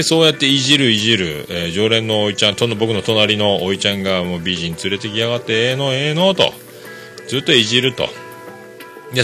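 A man's voice: low voice, sharp tone. A man from Fukuoka hosting a podcast, telling a casual story in a chatty, rambling way with many fillers. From Fukuoka, Japan. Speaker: podcast host.

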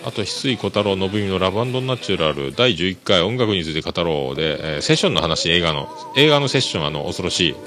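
Hosting a casual solo podcast, a man from Kyushu, Japan drifts easily between topics, leaning on lots of fillers. He speaks fairly quickly with few pauses, in a low voice with lively intonation, over clearly audible music.

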